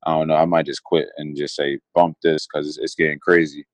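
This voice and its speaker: A young man in his twenties speaks with a very low, deep voice, close and dry with no room sound. He co-hosts a casual podcast, talking earnestly and reflectively and circling back over his own phrases as he thinks aloud. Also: level tone, a little fast, no room sound. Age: 20s. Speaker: podcast co-host.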